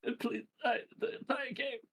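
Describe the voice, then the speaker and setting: A man playing a tabletop game, chatting casually with the group in a husky, creaky voice. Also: extremely high pitch, steady tone, moderate pace, fairly bright tone, slight background noise.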